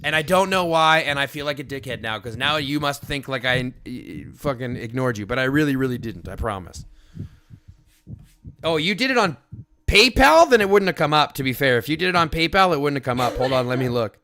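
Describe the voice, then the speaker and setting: A man's voice: mid-range voice, lively intonation, brisk, pushed and bright. A man hosting a livestream, coaching a player on game stats in an emphatic, profane, step-by-step way. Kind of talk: casual livestream chat.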